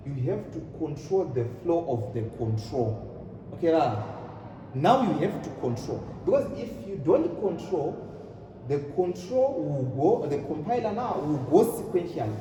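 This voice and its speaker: A man teaching a programming class, repeating points and asking fill-in questions. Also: on the high side. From Zimbabwe. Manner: repetitive, asks rhetorical fill-in questions. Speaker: programming lecturer. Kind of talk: classroom lecture. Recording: echoey room, distant mic, noisy.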